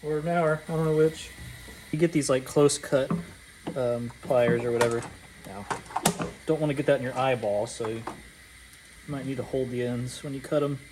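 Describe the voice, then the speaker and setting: A man in his thirties hosting a casual home vlog, relaxed and thinking aloud as he works outdoors on a cold evening. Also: mid-range voice, moderate pace, long pauses. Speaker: channel host and dad. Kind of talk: casual hands-on vlog chat. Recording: noisy outdoor camera recording.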